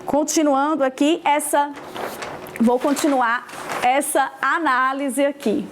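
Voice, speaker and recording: Slow, high-voiced woman teacher. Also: fairly even intonation, background noise. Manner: didactic, repeats key points and checks in with "ok?". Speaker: Portuguese teacher. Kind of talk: online grammar lesson.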